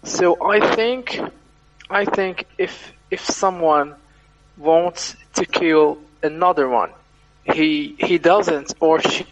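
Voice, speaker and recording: A man's voice, fairly high for a man, breaks up into choppy fragments as his connection drops and clips his endings. He speaks slowly and haltingly, repeating words, from a mic set some way off. A faint noise sits under the call. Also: distant mic, lo-fi sound. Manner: halting, repeats words while searching for them. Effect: choppy audio that cuts out with clipped endings from a bad connection. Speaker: guest on an online talk show. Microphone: computer mic on a call.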